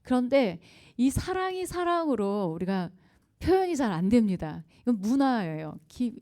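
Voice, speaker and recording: A woman's voice: a little high, warm tone. A woman giving a conversational lecture at a church revival meeting, telling anecdotes, questioning the audience and laughing often. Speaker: guest speaker at a revival meeting. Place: church service before a congregation.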